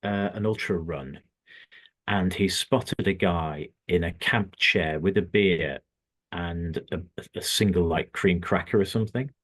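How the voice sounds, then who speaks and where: A man's voice: low-pitched, a little slow, a bit bright. A man, a coach, telling a story in casual chat and acting out the quotes as he goes. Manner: anecdotal, acts out quotes in the story.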